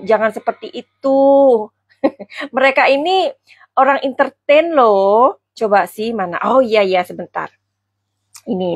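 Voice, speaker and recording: A woman's voice: fairly high pitch, husky, dry recording. A woman hosting a chatty celebrity gossip vlog, theatrical and teasing, calling her viewers darling.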